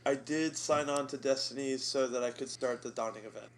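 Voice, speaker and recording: A man's voice: medium pitch, steady tone, a little fast, a little hiss or hum. A man co-hosting a casual podcast chat, laughing a lot between his sentences. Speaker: podcast co-host.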